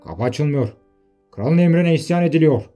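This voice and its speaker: A man's voice: fairly high pitch, lively intonation, moderate pace, mellow, faint music behind, pitched above the performer's own voice, close to an everyday voice. A man voicing a royal sergeant who bellows commands at a barred door. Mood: shouting. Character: shouting royal sergeant leading soldiers.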